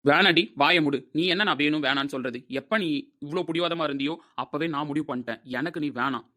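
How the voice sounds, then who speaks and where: A man playing an angry, hurt young man who shouts and scolds his lover in a Tamil audio drama. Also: on the high side, fast. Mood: bitter anger.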